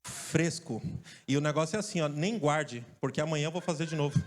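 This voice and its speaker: A male pastor from Brazil preaching a lively sermon, joking and calling out to his congregation. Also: fairly high pitch, fairly quick, very noisy. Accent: Brazilian Portuguese. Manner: lively, joking storyteller who calls out to the congregation. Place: church stage.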